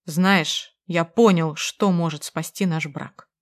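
A woman reading the part of a cold, manipulative husband, speaking slowly and with measured pressure. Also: on the low side, steady tone. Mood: persuasive.

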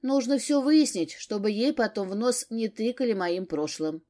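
A woman reading an audiobook, voicing a defensive, quick-tempered grown daughter. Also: a little high, dark tone, natural voice. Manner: flaring, defensive.

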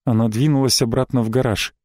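A man's voice: medium pitch, steady tone, fast, darkish tone, dry recording, studio quality. A man narrating a first-person romance audiobook in a terse, brash voice.

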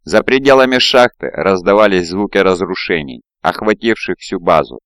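Man reading a sci-fi audiobook, low clean voice, dry close mic. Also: fairly bright tone, clean tone, dry recording. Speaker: audiobook reader. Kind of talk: audiobook narration. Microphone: close home mic.

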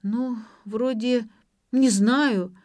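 A woman voicing a blunt, rude young woman with loud, rough colloquial speech in an audiobook. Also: a little high, fairly even intonation, very slow, no echo, clean studio sound, pitched above the performer's own voice. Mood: brash.

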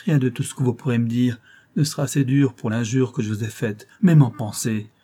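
A man's voice: mid-range voice, steady tone, brisk, dark tone, slightly rough, close to an everyday voice. A man voicing a terrified young female servant who pleads and sobs in broken outcries, reading a classic novel aloud. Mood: remorseful. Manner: sobbing, beseeching, breathless outcries.

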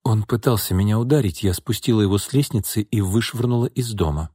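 A man's voice: fairly low pitch, a little fast, dark tone, husky, dry recording, clean studio sound. A man voicing an outspoken young woman who speaks firmly and directly. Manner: firm and direct.

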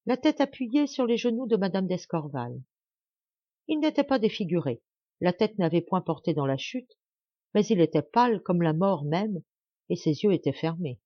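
A woman narrating an audiobook of a classic novel with an expressive, dramatic reading. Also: on the low side, no echo, highs cut off.

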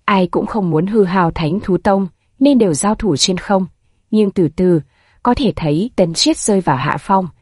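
A woman narrating a martial fantasy novel as an audiobook, at a steady, even storytelling pace. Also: mid-range voice, normal speed, slightly rough, dry recording, studio quality.

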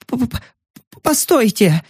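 A man voicing a panicky, cowardly fat journalist in an audiobook, stammering and squealing in a high, strained voice. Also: big pitch swings, extremely slow, breathy edge, dry recording, studio quality, heavily acted. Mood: terrified. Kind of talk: audiobook narration.

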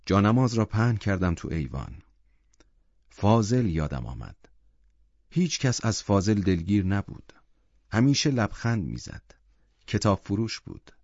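A man narrating a literary short story as an audiobook in a calm, measured manner. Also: on the low side, no room sound. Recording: dull lo-fi audiobook recording.

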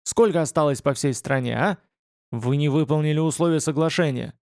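A man's voice: on the high side, fairly quick, darkish tone, no echo, clean studio sound, lightly acted. A man voicing a furious, bitter young male writer who speaks in harsh, clipped outbursts, in an audiobook reading.

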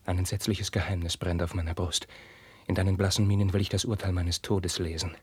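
An actor playing a young prince torn by forbidden love, declaiming classical verse with passion and dropping into hushed whispers. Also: male voice, sits low, level tone, brisk, slightly rough, dry recording. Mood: anguished. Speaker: actor in a radio play. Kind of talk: classical verse radio drama.

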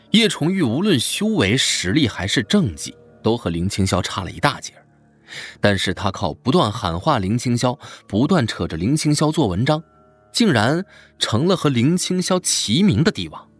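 A man narrating a fantasy web novel in an expressive storytelling style. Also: fairly low pitch, slightly rough. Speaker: audiobook narrator.

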